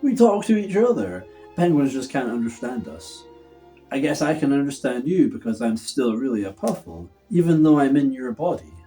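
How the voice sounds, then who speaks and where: Man playing an excitable, childlike cartoon penguin, hammy and swooping. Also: medium pitch, moderate pace, faint music behind, lightly acted. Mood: smug, amazed. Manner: hammy, theatrical, gleeful and easily distracted. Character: huge excitable childlike male pet in penguin body.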